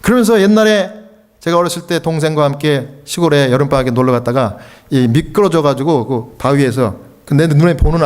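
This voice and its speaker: A middle-aged pastor from Korea preaches to his church, his man's voice sitting somewhat high. He tells stories and acts out the people in them, and his voice swings up to near shouts at the peaks. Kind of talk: revival sermon with storytelling. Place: church sanctuary.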